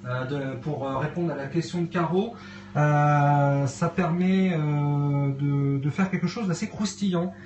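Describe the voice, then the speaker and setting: A man's voice: on the high side, measured pace, a little mellow, muffled recording, slight background noise. Chatty man live-streaming from home. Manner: hesitant, many fillers, chatting with viewers. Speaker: livestream host cooking. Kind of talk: casual live-stream chat to viewers. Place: cluttered home kitchen, indoors. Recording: echoey home room.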